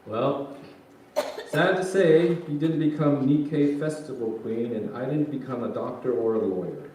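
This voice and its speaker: A man's voice: medium pitch, normal speed, a little mellow, lightly acted. A man playing a grumbling, joking middle-aged son in a staged reading, casual and colloquial. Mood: upbeat. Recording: echoey hall, distant mic, faint noise.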